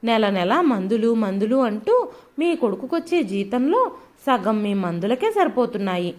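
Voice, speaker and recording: A scolding young daughter-in-law in an audio storybook, sharp and sarcastic, as a woman narrator puts her on. The voice sits high and leaps around in pitch. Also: big pitch swings, moderate pace. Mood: angry scolding.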